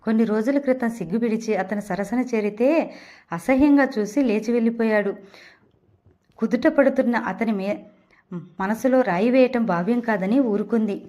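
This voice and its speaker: A woman's voice: fairly high pitch, moderate pace, dark tone. Woman narrating an audio novel. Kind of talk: scripted narration.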